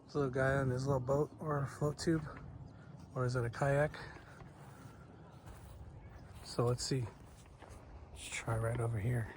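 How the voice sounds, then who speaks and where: A man's voice: medium pitch, a little slow, long pauses. Chill guy in his 30s talking to his camera while fishing, mid voice, faint outdoor hiss. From California. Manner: relaxed, thinking aloud, chuckles. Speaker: fishing vlogger. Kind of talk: casual vlog narration. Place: outdoors at a lakeshore.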